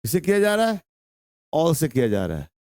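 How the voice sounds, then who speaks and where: A man's voice: a little high, huge pitch swings, brisk, a little mellow, clean tone, no room sound, studio quality. A young man with a Bihari Hindi accent teaching an English grammar lesson to a class, drawing out his words and repeating questions and answers.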